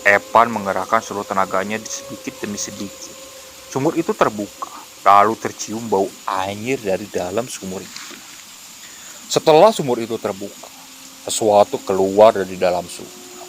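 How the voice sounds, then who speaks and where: A man narrating a scripted horror story in a quiet, deliberate manner. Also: on the low side, slight background noise.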